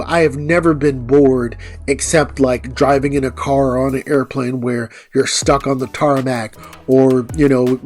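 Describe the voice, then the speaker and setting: A man in a casual monologue who rambles a little and reads a long list quickly, slightly out of breath. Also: medium pitch, a little mellow. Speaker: vlogger.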